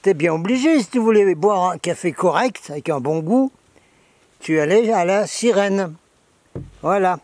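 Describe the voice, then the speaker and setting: High-voiced man rambling slowly. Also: lively intonation, a little mellow, no echo. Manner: chatty, sarcastic, talks to his camera operator. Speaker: video host. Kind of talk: casual rambling monologue.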